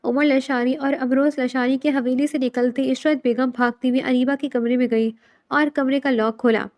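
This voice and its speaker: A woman narrating a romance novel as a bedtime story, in a steady, dramatic reading. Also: sits high, no echo, studio quality.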